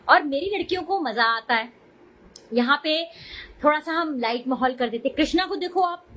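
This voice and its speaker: Chatty high-voiced woman on a live stream. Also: a bit bright, rough recording. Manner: chatty, defensive, greets viewers mid-talk. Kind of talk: casual live-stream chat.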